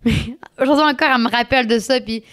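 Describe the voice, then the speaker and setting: A young woman with a Québécois French accent, co-hosting a casual chat and telling stories in an animated, dramatic way. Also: a little high, quick pace, smooth. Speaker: co-host.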